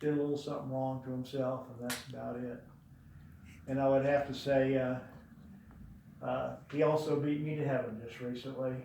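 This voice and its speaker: A man's voice: mid-range voice, little pitch movement, normal speed, vocal fry, dark tone, slight background noise. Older man telling stories at a memorial, echoey. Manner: rambling, fond storytelling with frequent fillers. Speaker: eulogy speaker. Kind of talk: storytelling at a memorial. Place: large room before an audience. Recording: very echoey room, voice from far off.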